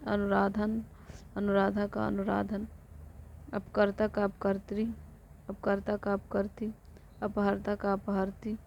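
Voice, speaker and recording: Female tutor drilling exam word lists in a very flat voice; muffled recording. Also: mid-range voice, creaky. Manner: flat rote recitation, corrects herself. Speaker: teacher. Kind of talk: reciting exam vocabulary lists. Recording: dull lo-fi recording with faint noise.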